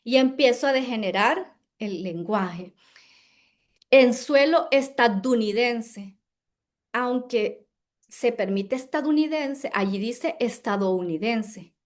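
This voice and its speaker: Higher-voiced female diction instructor; emphatic, careful teaching delivery. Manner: emphatic, demonstrates words slowly and carefully. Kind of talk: teaching a workshop on pronunciation.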